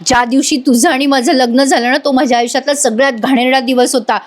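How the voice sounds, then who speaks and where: A woman's voice: sits high, steady tone, fast talker, natural voice. A woman voicing a heartbroken young husband who accuses his wife through tears. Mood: anguished.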